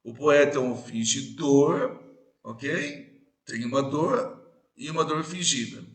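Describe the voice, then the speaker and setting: A man teaching a poetry lesson, talking straight to the viewer, checking that they follow, and reading verses slowly with the stressed syllables marked. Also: medium pitch, animated, reverberant. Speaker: literature teacher.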